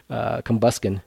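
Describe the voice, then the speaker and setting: A man's voice: medium pitch, gravelly, warm tone, breathy edge, dry recording. A man co-hosting a podcast in casual chat, running a quiz, reading out and spelling words, with frequent laughs. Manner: reads and spells out words, laughs often, offhand.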